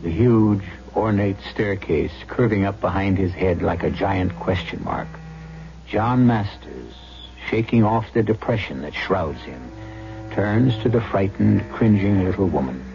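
A man's voice: deep voice, lively intonation, unhurried, creaky, noisy background. A man hosting and narrating a radio drama in a dramatic, scripted style. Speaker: host and narrator. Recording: dull old radio broadcast. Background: music.

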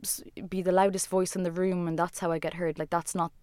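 A woman with a smooth, clear, slightly low voice, recorded close and dry. She chats casually as an interview guest, rambling and scattering "like" fillers through her sentences. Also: flat delivery, fairly quick, darkish tone, dry recording. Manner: rambling, heavy use of "like" fillers. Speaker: guest, musician and former designer.

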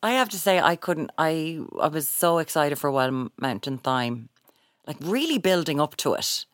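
A woman with a Cork Irish accent chats as a podcast guest, emphatic and storytelling. Her voice sits low but swings widely in pitch. The recording is dry and close. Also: animated, moderate pace, no room sound. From Ireland (Cork). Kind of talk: casual chat.

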